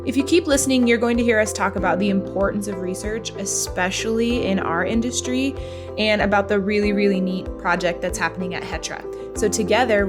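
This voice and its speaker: A woman hosting a podcast, upbeat and enthusiastic as she introduces and interviews her guest. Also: medium pitch. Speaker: podcast host.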